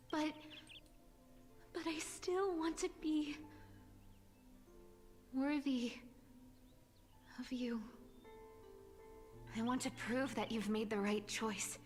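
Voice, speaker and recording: A woman's voice: extremely high pitch, a bit bright, long reverb tail, heavily acted. A woman playing a young, insecure street-smart girl thief in a video game, stammering and pleading in distress. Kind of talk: dramatic video game voice acting.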